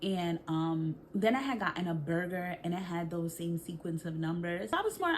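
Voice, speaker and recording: A young woman from Brooklyn, New York, telling a storytime vlog in an animated, chatty, slang-filled way, talking straight to her viewers. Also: a little high, noisy background. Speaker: vlogger.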